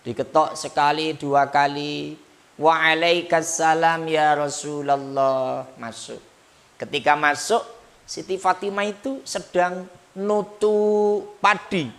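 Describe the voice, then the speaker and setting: A man preaching to a gathering of women in a light, joking way. He keeps turning to his listeners with questions and banter. His voice sits high and sounds bright and forceful. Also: steady tone, slow. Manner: joking, chatty, addresses listeners directly. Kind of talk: humorous sermon to a women's gathering.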